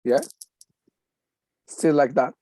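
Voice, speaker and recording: A Moroccan man in his forties, an adult English student, talks casually but hesitantly, with lots of fillers and restarts. His mid-range voice is slow and dark in tone.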